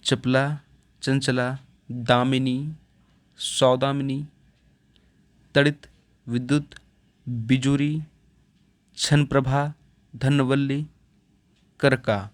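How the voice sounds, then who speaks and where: A man's voice: medium pitch, no room sound. Man teaching from a word list. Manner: steady listing, pausing after each word. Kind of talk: reading out a word list in a lesson.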